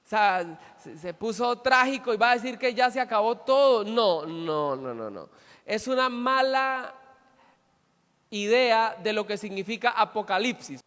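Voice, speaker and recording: A man's voice: high-pitched, lively intonation, unhurried, fairly bright tone, in a large hall. A man preaching as a pastor, putting questions to the congregation and answering them himself, repeating his points with emphasis. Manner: emphatic repetition. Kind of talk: sermon.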